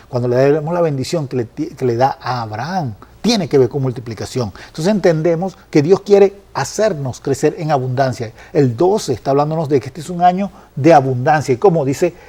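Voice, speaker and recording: A man earnestly explaining Bible passages in a conversational study, often pausing with fillers and restarting phrases. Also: a little high, mellow. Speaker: Bible teacher.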